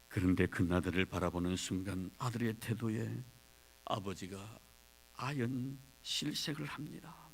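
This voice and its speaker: A man preaching a sermon as pastor, retelling a story dramatically with big swings between quiet and loud. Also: lowish voice, measured pace, a little hiss or hum.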